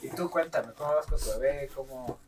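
A young man with a Mexican Spanish accent, co-hosting a casual chat and telling stories in a relaxed, slangy way. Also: medium pitch, fairly quick, over a noisy crowd. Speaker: podcast co-host.

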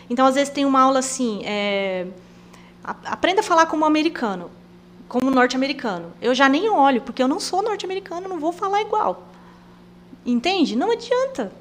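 A woman's voice: high voice, fast talker, slight background noise. A woman missionary with an inland São Paulo accent, the rolled caipira R, chatting as a podcast guest and acting out the dialogue in her stories. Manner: animated storyteller, acts out quoted dialogue. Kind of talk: podcast interview conversation.

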